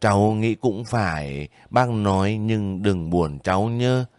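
A man's voice: fairly low pitch, lively intonation, slow, darkish tone, no room sound, clean studio sound. A man voicing a kindly older village woman who pleads and sobs over her nephew in a spoken story. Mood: pleading. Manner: pleading, sobbing, fussing.

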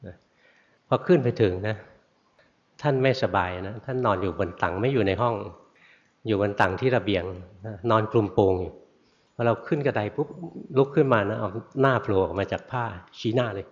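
A man, a Buddhist monk, telling a story in a relaxed sermon, often adding soft tag words, on a dull lo-fi recording in a sermon hall. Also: on the low side. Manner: relaxed storytelling with frequent "na" tags.

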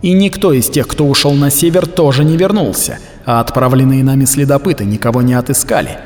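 A man's voice: mid-range voice, brisk, long reverb tail, soft background music, natural voice. A man voicing a stern, commanding canoness. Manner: loud, firm, pronouncing judgment. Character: stern female canoness, cold and authoritative.

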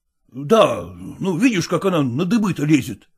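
A smug, fawning merchant of the old days, as a male audiobook reader plays him, placating but unbending. His speech is drawn out and overly polite, with a fairly high, lively voice. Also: slightly rough, exaggerated voice. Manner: obsequious, drawn-out, adding a polite "-s".

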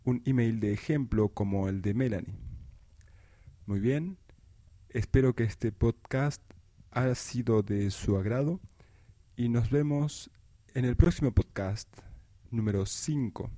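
A man teaching a podcast language lesson, explaining each point slowly and carefully. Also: medium pitch, warm tone, dry recording. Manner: slow, careful explaining delivery. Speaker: Spanish teacher.

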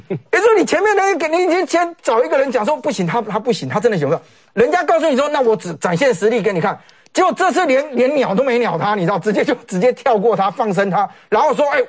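A man with a Taiwanese Mandarin accent talks quickly, with a pitch that leaps up and down. He is a political commentator on a talk show, animated and sarcastic, often imitating other people's words.

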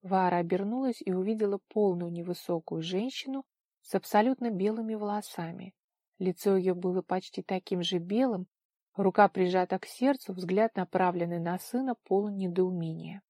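A woman's voice: medium pitch, moderate pace, dark tone, dry recording. Woman narrating an audiobook, dry sound. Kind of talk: scripted narration.

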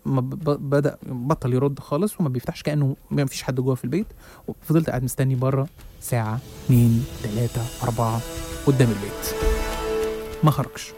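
A man's voice: medium pitch, dark tone. A young man with an Egyptian accent narrating a first-person horror story in a dramatic way, with hesitant restarts. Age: young adult. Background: faint music.

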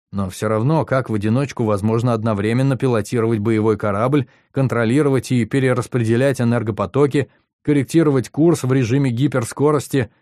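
Audiobook narrator, man, steady and measured, mid voice, dry recording. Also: mid-range voice, dry recording. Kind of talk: scripted narration.

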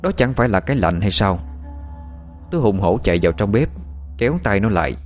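A man narrating a first-person story in a steady, calm storytelling manner. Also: lowish voice, brisk, faint music behind.

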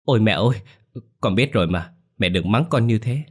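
A man's voice: on the low side, animated, fairly quick, breathy edge. A man voicing a timid middle-aged daughter-in-law who stammers and pleads. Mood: pleading.

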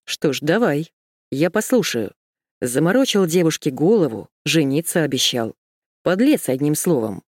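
A woman reader voicing a composed young man who speaks calmly, curtly and with contempt. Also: deep voice, moderate pace, dry recording, clean studio sound. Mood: scornful. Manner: calm, clipped, contemptuous. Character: cold, composed young man, curt and harsh.

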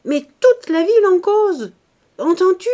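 A woman's voice: mid-range voice, big pitch swings, a little slow, darkish tone. A woman voicing an irritable, suspicious middle-aged husband who nags and accuses in an audiobook reading. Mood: indignant, scolding. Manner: heated, nagging, accusing.

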